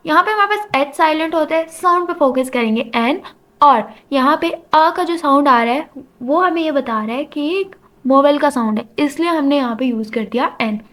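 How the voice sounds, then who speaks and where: A woman's voice: sits high, fairly bright tone. A woman teaching a grammar lecture, explaining step by step and mixing English terms into her talk. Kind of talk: classroom lecture.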